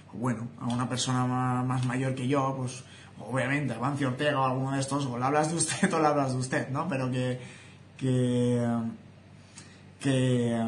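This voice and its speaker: A young man with a Spain Spanish accent talks straight to his viewers in a casual vlog monologue. His views come out blunt and opinionated. The room around him rings a little, with a faint hum of ambience behind. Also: mid-range voice. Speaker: social media content creator. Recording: roomy echo, faint ambience.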